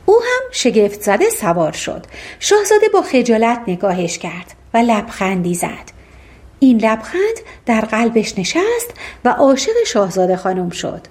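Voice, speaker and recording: A woman's voice: on the high side, very animated, darkish tone. A woman narrating a fairy tale audiobook, reading expressively and voicing the characters herself.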